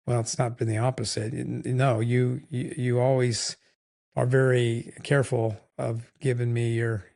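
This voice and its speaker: A man's voice: mid-range voice, little pitch movement, normal speed, creaky, darkish tone. An older man co-hosting a podcast with his wife, talking candidly and a little ramblingly, poking fun at himself. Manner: candid, rambling, self-deprecating. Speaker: podcast co-host. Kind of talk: casual chat.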